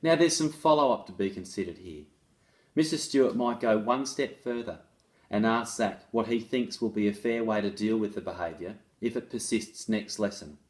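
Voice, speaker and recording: A man with a lowish voice speaks at a moderate pace in a low-quality recording. He presents as an education author on restorative practices in schools, reading a case study aloud and explaining it in a conversational, instructive way.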